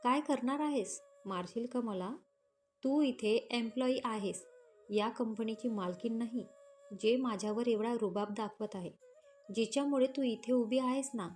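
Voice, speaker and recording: A woman's voice: a little high, unhurried, darkish tone, faint music behind, lightly acted. A woman voicing a loyal young woman who stands up for her friend in a firm, indignant tone.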